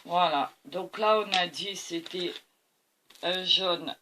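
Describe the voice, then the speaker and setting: A woman's voice: on the low side, slow pace, pushed and bright, a little hiss or hum. A tired woman hosting a painting tutorial, talking to camera as she mixes colors and keeps praising them. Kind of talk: art demonstration talk to camera.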